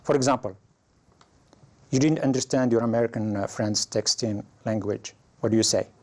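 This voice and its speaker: During an English lesson, a male teacher walks through situations at a slow pace, his voice rising in pitch as he reads the example phrases aloud.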